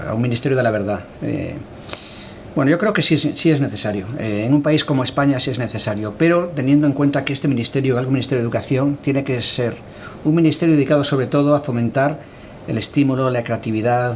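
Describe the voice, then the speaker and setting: A middle-aged man from Galicia answers interview questions in a calm, reflective way. His pitch sits in an ordinary middle range, and he often pauses on hesitant fillers as he gathers his thoughts. A faint hiss of background noise sits under his voice. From Galicia, Spain. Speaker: interview guest, cultural editor.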